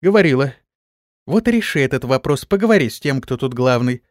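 A man's voice: mid-range voice, lively intonation, brisk, darkish tone, no echo, studio quality, close to an everyday voice. A man reading the part of a young pregnant bride who is teasing and insistent. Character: young pregnant woman, playful and demanding bride.

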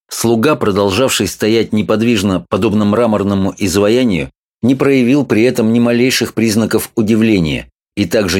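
A man narrating an audiobook in an expressive storytelling manner. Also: on the low side.

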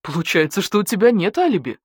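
An icy, suspicious male badger-cat detective, as a woman reader puts him on, pressing his questions coldly in a storybook mystery. The lines move with a lively rise and fall, close and dry. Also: mid-range voice, quick pace, husky, no echo, pitched above the performer's own voice. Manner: cold, suspicious interrogating tone.

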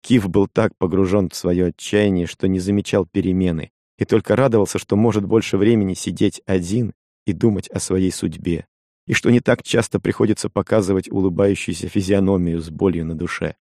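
A man reading a story aloud as narrator, with expressive, measured delivery. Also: low voice, dry recording, clean studio sound. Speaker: audiobook narrator. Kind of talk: scripted narration.

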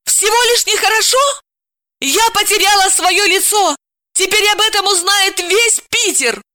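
A woman voicing a flustered, furious wife who exclaims in a shrill, frantic way. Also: measured pace, pushed and bright, no echo, studio quality, full character voice.

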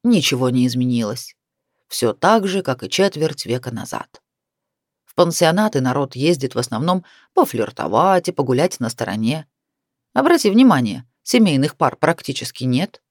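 A woman reading aloud, voicing a calm, gentle middle-aged husband who speaks softly and soothingly. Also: extremely low pitch, no room sound, studio quality, voice pushed down, full character voice. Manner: soft, soothing, unhurried.

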